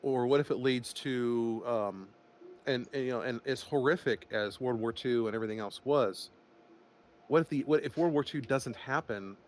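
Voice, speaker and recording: A man's voice: mid-range voice, moderate pace. A man hosting a casual podcast stream, rambling, laughing often and restarting his sentences. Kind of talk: casual group chat on a stream.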